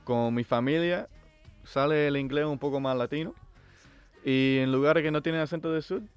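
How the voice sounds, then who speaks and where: Relaxed young American man chatting. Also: on the high side, normal speed, smooth, soft background music. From United States. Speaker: guest. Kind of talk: casual chat.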